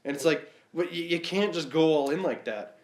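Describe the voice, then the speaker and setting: A man's voice: on the high side, fairly quick. A stuffed-up man with a Boston accent, co-hosting a podcast and telling stories in laid-back chat, swearing freely. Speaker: podcast co-host. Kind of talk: casual chat. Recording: roomy echo.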